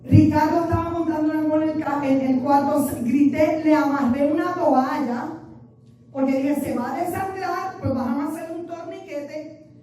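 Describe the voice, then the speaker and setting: High-voiced woman pastor preaching in a big echoey hall. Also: moderate pace. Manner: animated storyteller, swings from hushed to loud and emphatic. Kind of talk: Spanish-language sermon with personal storytelling. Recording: echoey church hall, voice from a distance.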